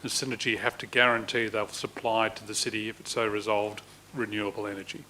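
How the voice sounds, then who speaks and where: A man's voice: lowish voice, little pitch movement, a little fast, sharp tone, a little hiss or hum, low-quality recording. A man, a council chief executive, giving formal explanatory answers at a meeting.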